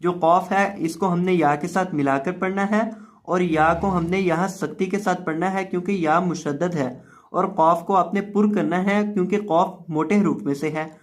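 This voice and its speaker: A Quran reading teacher giving a Qaida lesson who spells out syllables slowly and drawn out, then explains the rules more quickly. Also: mid-range voice, fairly even intonation.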